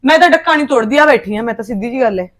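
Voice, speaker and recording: A woman's voice: on the high side, expressive, racing, natural voice. An actress with a Punjabi accent playing a resentful young wife who scolds her husband in a family quarrel. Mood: scolding. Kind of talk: short film acting.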